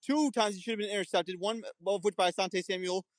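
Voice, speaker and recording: A man's voice: sits high, fast, no room sound. A man from the New Jersey area making a confident, playful debate argument about football. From New Jersey area, USA.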